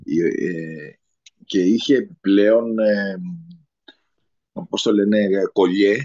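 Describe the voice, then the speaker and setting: A man speaking as a guest on a talk radio show, hesitant and full of filler sounds, with a husky voice. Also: lowish voice, mellow. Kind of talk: unscripted radio conversation. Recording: lo-fi radio recording.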